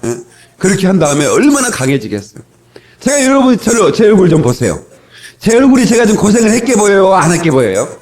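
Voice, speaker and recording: A man's voice: high-pitched, fast. A middle-aged male pastor preaching a sermon from an old cassette tape recording, telling stories and asking the congregation questions. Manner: animated storytelling with rhetorical questions to the congregation. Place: church sanctuary.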